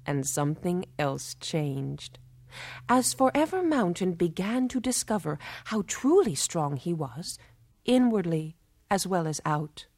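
Slow, lilting woman storyteller. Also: mid-range voice, no echo, studio quality. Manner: measured, lilting and rhythmic. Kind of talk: expressive folktale narration.

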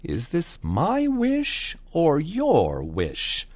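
A man's voice: lowish voice, huge pitch swings, normal speed. A man voicing a young girl in a told story, speaking plainly and earnestly, close to his own voice. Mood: questioning.

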